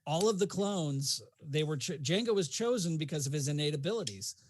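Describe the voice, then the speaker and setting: A man's voice: on the high side, lively intonation, a little fast, no room sound, clean studio sound. A man on a podcast panel chiming in with brief, explanatory remarks in casual chat.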